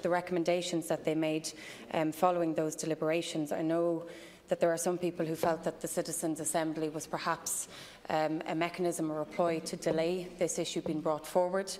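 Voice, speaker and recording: Measured, even-toned Irish woman in parliament. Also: lowish voice. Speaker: government minister. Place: large parliamentary chamber. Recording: reverberant chamber, some background noise.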